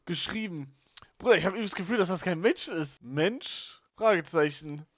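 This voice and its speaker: Slangy young male streamer, high voice. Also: lively intonation, moderate pace, no room sound. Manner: slangy, blunt and mocking, swears freely. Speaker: live streamer. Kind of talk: casual live-stream chat, reading unban requests aloud. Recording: dry, slightly dull sound.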